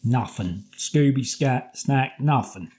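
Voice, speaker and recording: Casting: middle-aged British male vlogger, soft-edged mellow tone, chatty and colloquial, circles back over his points. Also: mid-range voice, animated. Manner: halting, repetitive, colloquial. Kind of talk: casual rambling personal storytelling.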